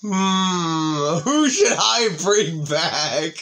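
A man's voice: high voice, expressive, drawn-out words, fairly bright tone. A man chatting casually during a video game, smugly taunting the other players. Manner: taunting, smug. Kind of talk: casual chat while battling in a game.

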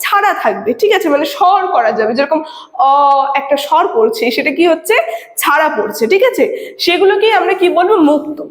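A woman's voice: extremely high pitch, animated, quick pace. A woman teacher explaining a lesson to her students, checking in often and asking questions she then answers herself. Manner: repeats "ঠিক আছে" and asks rhetorical questions. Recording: echoey room with long reverb.

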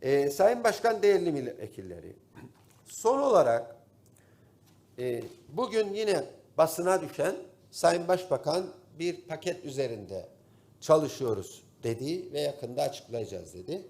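A man with a Turkish Cypriot accent giving a formal speech to parliament from the rostrum microphone, pausing often with drawn-out fillers. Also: on the high side, big pitch swings, a little mellow. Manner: formal, addresses colleagues, pauses with drawn-out fillers. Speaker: member of parliament. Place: parliament chamber. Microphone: podium microphone at the parliament rostrum.

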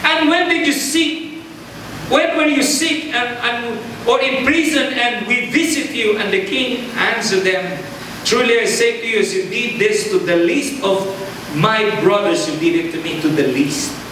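A man in his thirties with a Filipino accent preaches from a pulpit in an extremely high-pitched, sharp voice, speaking a little slowly and switching between English and local languages. The pastor is emphatic and calls out to the congregation. He uses a handheld mic in a large indoor church hall, recorded from far away, so the sound is echoey and noisy.

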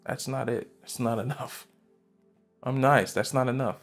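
In his thirties, a pastor delivers a sermon from a church stage into a headset mic, his mid-range voice carrying a gravelly edge. He preaches fervently and emphatically, a little slowly and with fairly even intonation, swinging from loud, punchy bursts to hushed asides while soft music plays faintly underneath.

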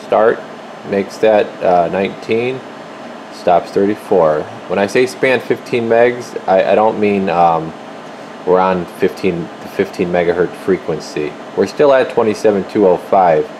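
Deep and unhurried, this radio repair technician and video host casually mutters while working at an electronics bench. His indoor workshop is noisy with a constant equipment hum, captured by a handheld camera from behind the lens.

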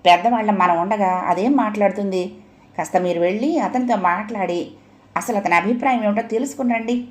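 A woman's voice: mid-range voice, fairly quick, close to an everyday voice. A woman voicing a middle-aged mother who coaxes and pleads with her husband, in an audio story. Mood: pleading. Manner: coaxing, pleading.

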